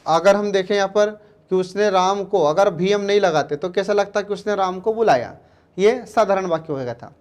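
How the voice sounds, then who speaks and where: A man teaching an exam-prep grammar lesson, going slowly, repeating words and often checking that students follow. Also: high-pitched, a little mellow.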